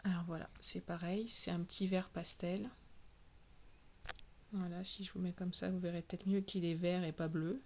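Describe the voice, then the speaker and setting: A woman's voice: lowish voice, level tone, a little mellow, lo-fi sound, slight background noise. Chatty woman reviewing nail gels. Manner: chatty, names each product slowly and clearly. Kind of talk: casual product unboxing.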